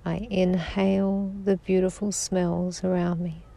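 A woman guiding a sleep meditation in a slow, soothing voice that drifts into whispers. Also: on the low side, level tone, gravelly, dark tone. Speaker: sleep hypnosis guide.

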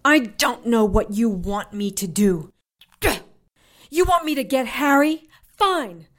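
A woman's voice: fairly high pitch, lively intonation, slow. A woman playing a defiant captive witch. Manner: defiant, sarcastic, foul-mouthed.

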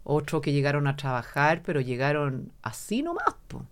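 A woman's voice: sits low, very animated, normal speed. A middle-aged woman with a Chilean Spanish accent, a podcast guest who talks casually and acts out quoted voices as she tells stories.

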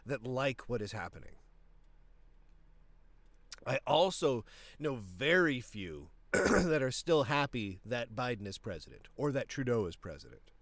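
A man with a mid-range voice runs a casual political podcast, talking animatedly and restarting frequently, with a throat tickle that makes him cough. There's no room sound.

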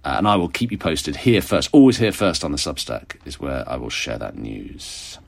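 A man, an author answering readers' questions in a wry, chatty way, his voice croaky with vocal fry and hoarse from a cold. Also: rumbling low, big pitch swings, moderate pace. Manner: wry, chatty, self-mocking. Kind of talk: casual monologue answering audience questions.

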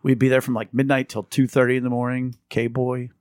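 Animated storytelling man, dry close sound. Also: fairly quick, no echo. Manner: animated storyteller, jumps high on quoted lines. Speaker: podcast host. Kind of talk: casual chat, storytelling.

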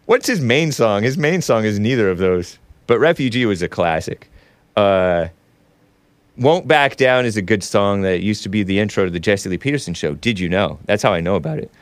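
On his laid-back talk show, a male host with a nasal voice rambles, shares his opinions, laughs a lot, and talks with viewers in the live chat. He speaks at a normal speed in an animated, lowish voice, and the recording is dry.

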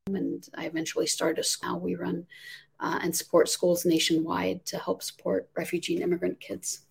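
Her voice is lowish and creaky with little pitch movement and a moderate pace, and a faint hiss or hum runs underneath. She is a nonprofit founder from Jordan in her forties, a remote interview guest sincerely describing her work in a casual chat peppered with fillers.

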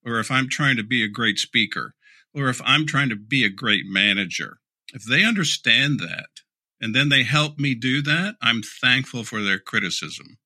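Middle aged guy, super bright voice, frank and a bit sarcastic, stumbles and restarts a lot. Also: mid-range voice, expressive, moderate pace. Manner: candid, dryly sarcastic, repeats words when restarting. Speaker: leadership speaker and guest. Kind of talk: conversational interview answers.

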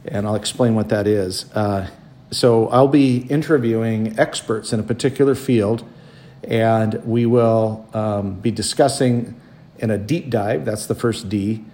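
A man hosting a conversational podcast interview at home, feeling his way through sentences in a halting manner. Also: lowish voice, mellow. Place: home dining room.

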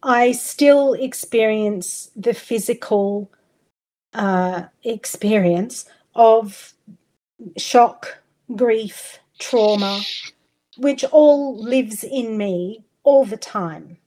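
A middle-aged Australian woman appears as a guest in a podcast interview, speaking candidly and expressively and swearing freely. Her voice is fairly high-pitched and mellow, and she talks extremely slowly.

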